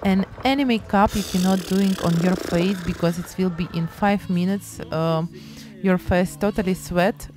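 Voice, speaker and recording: A Ukrainian-accented woman in her thirties films a travel and painting vlog on her phone held at arm's length, chatting in broken English at the beach and in her art studio. Her lowish voice has a darkish tone at a moderate pace, with faint music in the background.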